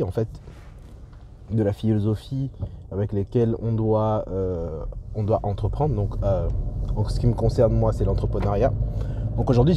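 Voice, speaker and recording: A man talking casually to viewers as an entrepreneurship vlogger, his voice slightly muffled through a face mask, with hesitant delivery. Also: lowish voice. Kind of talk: casual vlog talk to viewers. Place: on the move, leaving a garage. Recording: muffled lo-fi audio, clear vehicle and ambient noise.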